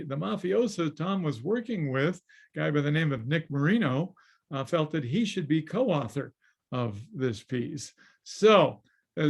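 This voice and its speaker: An older man recounts old studio stories in a lively, chuckling way over a video call. His voice sits a little high and carries a gravelly rasp, and he slips into the voices of the people he quotes. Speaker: guest, former studio story editor and screenwriter. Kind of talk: anecdotal storytelling in an interview.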